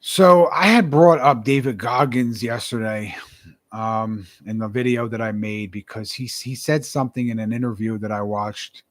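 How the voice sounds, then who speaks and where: Young man, author, casual vlog, earnest, rambling, repeats himself, mid-pitched voice. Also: steady tone, normal speed. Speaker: self-published author. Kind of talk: casual talking-to-camera vlog.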